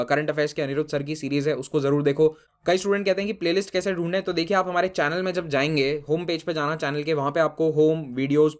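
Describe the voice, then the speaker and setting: A man teaching an exam-prep lesson, giving brisk, firm advice to students and mixing in English phrases. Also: a little high. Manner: brisk, direct, mixes Hindi with English phrases; addresses students informally, reassuring and firm.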